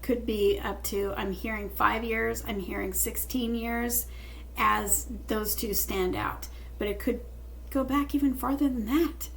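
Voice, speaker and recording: A woman's voice: a little high, fairly even intonation, a little slow, vocal fry, a little hiss or hum, poor audio. A woman giving a tarot reading straight to the viewer, speaking in a reassuring, emphatic way with repeated phrases. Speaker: tarot reader.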